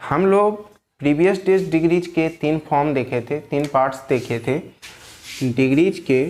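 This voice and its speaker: A man's voice: on the high side, fairly even intonation, normal speed, a little mellow. A man teaching an English grammar lesson, who keeps asking and answering his own questions and repeating key words for his viewers.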